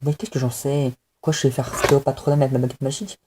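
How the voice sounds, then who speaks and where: A man's voice: mid-range voice, level tone, quick pace, noisy background. A young man chatting casually to camera at home, hesitant and self-mocking, with many fillers. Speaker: vlogger answering a fan tag. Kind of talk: casual chat.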